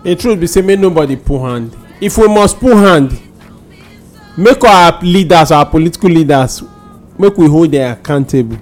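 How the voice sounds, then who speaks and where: A man's voice: a little high, animated, normal speed, faint music behind. A Nigerian man speaking Nigerian Pidgin as a panelist in a casual radio discussion.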